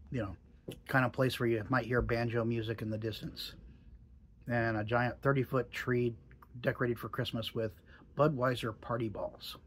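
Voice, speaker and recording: A man's voice: medium pitch, a little hiss or hum. A middle-aged man chatting casually in a vlog, musing and hesitant, with dry jokes. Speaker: tobacco reviewer.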